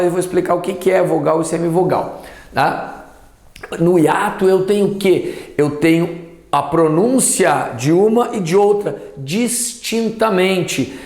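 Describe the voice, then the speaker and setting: A man teaching a Portuguese grammar lesson, lively, asking and answering his own questions as he explains. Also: on the high side, vocal fry, echoey room. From southern Brazil. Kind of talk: classroom lesson.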